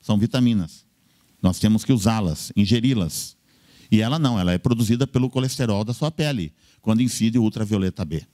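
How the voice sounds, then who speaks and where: A doctor delivers a lecture-style health talk in a lowish, warm voice at a brisk pace. He speaks emphatically, listing points in short bursts and repeating key words.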